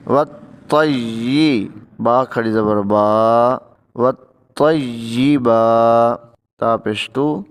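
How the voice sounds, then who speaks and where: A man teaching recitation pronunciation, slowly drawing out each syllable and then explaining the rule in quicker speech. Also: lowish voice, smooth. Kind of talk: tajweed pronunciation lesson.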